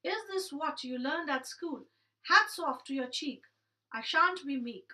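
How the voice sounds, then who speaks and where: A woman with a high, sharply bright voice recites rhyming comic verse. Her delivery is theatrical and mock-indignant, and she stresses every rhyme. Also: lively intonation, measured pace, recorded from a distance.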